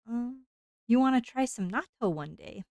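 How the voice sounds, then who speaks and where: A woman's voice: fairly high pitch, dark tone, dry recording. A woman streamer chatting casually while she draws, rambling along with lots of fillers and frequent laughter.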